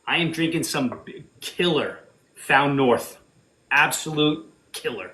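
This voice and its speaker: A man's voice: a little high, expressive, slow, pushed and bright. A man talking casually as a guest on a livestream, plainly and informally. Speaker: giveaway organizer, livestream guest. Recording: echoey room sound.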